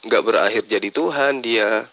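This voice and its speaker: A man's voice: fairly low pitch, moderate pace, fairly bright tone, lo-fi sound. A preacher man in a heated online religious debate, sarcastically pressing his opponent with challenging questions.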